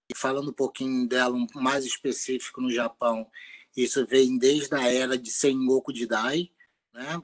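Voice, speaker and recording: A man speaking up during an online lecture, courteous and measured, often checking in with a tag question. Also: medium pitch, rough recording. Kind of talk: polite remarks on a video call.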